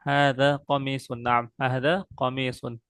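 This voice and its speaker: A man's voice: mid-range voice, flat delivery, a bit bright, smooth, no echo. Man, Arabic tutor, patient drilling, dry close sound. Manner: patient, slow drilling with frequent pious interjections. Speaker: Arabic teacher. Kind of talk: online one-on-one language lesson.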